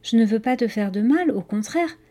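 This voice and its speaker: A kindly dwarf healer from a storybook, voiced by a woman. He speaks softly and slowly with a soothing, fairly high voice, and his tone stays mellow and warm. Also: expressive. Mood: gentle. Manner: soft, soothing, slow.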